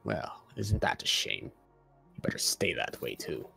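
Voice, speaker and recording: A man voicing a stern, gruff male dwarven mining captain in a tabletop role-play. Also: sits low, sing-song, a little slow, sharp tone, soft background music, heavily acted. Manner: curt, gruff, says "aye".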